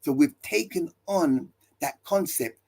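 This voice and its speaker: A man's voice: on the high side, expressive, slow, creaky, mellow, breathy edge. A male pastor preaching to listeners, building his points with emphatic repeated refrains and rhetorical questions. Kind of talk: preaching talk.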